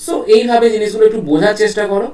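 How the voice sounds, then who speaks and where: A woman's voice: medium pitch, steady tone, rapid-fire, dark tone, far from the mic. Woman teaching grammar in an echoey room. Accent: Bengali. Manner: switches between Bengali and English, explains step by step, asks students questions. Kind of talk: online grammar lesson.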